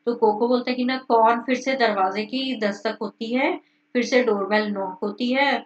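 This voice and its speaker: Woman, teacher, fairly high voice, reads and re-explains a story casually, far from the mic, dull muffled sound. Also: normal speed. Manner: reads lines then re-explains in casual words.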